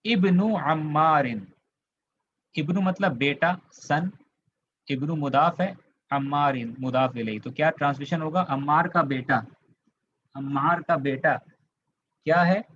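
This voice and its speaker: A man's voice: a little high, measured pace, long pauses, fairly bright tone. A man from India with an Indian accent, teaching an Arabic grammar lesson, patiently repeating points and checking that students follow. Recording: slightly dull lo-fi audio with faint hiss.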